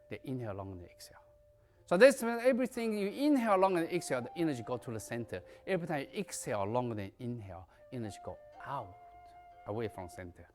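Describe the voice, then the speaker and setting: A man whose first language is Chinese teaches a qigong class in English, leaving out small words as he pushes each point home. His pitch jumps about in a lively, sing-song way, set at an average height. Faint music plays behind him. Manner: emphatic, non-native English with dropped articles and verbs. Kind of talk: lecture.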